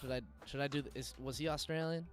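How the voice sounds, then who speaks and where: A man's voice: mid-range voice, fairly even intonation, quick pace. A man co-hosting a podcast in casual chat, laid-back and rambling. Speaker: podcast co-host.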